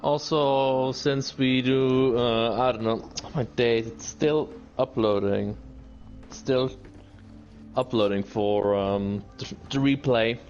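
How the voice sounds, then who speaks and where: A man chatting casually about a sim race on a livestream, halting and full of fillers. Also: mid-range voice, fairly even intonation, darkish tone, dull audio, faint music behind. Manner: halting, with many fillers and restarts. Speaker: sim racing league driver.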